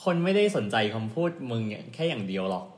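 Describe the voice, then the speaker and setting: Lively blunt Thai man, roomy echo. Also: medium pitch, fast talker. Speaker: podcast co-host. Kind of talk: casual chat.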